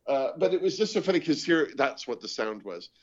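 A man's voice: a little high, a little fast. A man from Canada, a comedian and show host, telling stories in a casual chat and acting out the voices he quotes. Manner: animated storytelling, acts out quoted voices. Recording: dull lo-fi audio.

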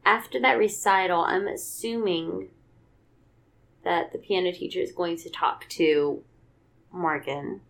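A young woman in a relaxed podcast chat, her voice full of gravelly fry. She mostly answers in short, agreeable bits and swears casually along the way. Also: on the low side, a little slow, pauses often. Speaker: podcast co-host.

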